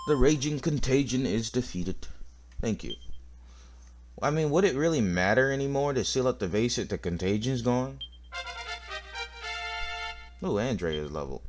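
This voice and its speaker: A man's voice: medium pitch, lively intonation, moderate pace, pauses often. A man giving casual, joking gameplay commentary and teasing himself as he plays. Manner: joking, playful, self-mocking. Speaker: let's-play gamer. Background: faint game music.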